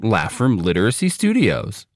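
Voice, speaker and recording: A man narrating his own children's story in an expressive read-aloud style. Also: fairly low pitch, moderate pace, dry recording, studio quality. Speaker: author and narrator.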